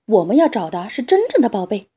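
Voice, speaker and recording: A woman voicing a curious, dreamy badger in a storybook, musing softly. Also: mid-range voice, sing-song, a little fast, husky.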